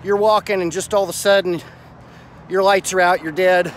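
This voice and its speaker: A man's voice: sits high, fairly even intonation, moderate pace. A middle-aged man chatting casually and bluntly to his phone camera while out walking, with salty everyday language. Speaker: vlogger. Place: outdoors on suburban sidewalks and park paths. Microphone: phone at arm's length, wired earphones worn. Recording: noisy outdoor phone recording with traffic.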